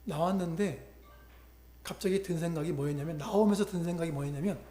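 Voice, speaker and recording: A man's voice: fairly high pitch, fairly quick, dark tone, reverberant. A male pastor preaching a sermon, retelling a conversion story and voicing the people in it. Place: church sanctuary.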